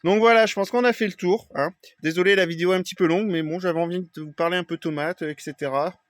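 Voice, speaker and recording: A man talks through a gardening tutorial, chatty and a little halting, filling gaps with "euh" and quick apologies. His voice sits a bit high, and the sound is dry and close with no room echo. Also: fairly even intonation. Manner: chatty, loose, many fillers and apologies. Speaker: gardening vlogger. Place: greenhouse.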